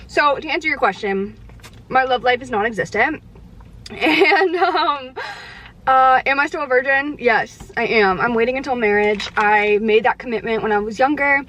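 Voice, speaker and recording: Chatty young woman, higher voice. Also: fairly bright tone, slight background noise. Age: young adult. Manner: chatty and candid, heavy use of "like"; talks while eating, sometimes with mouth full. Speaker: vlogger answering viewer questions. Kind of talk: casual chat.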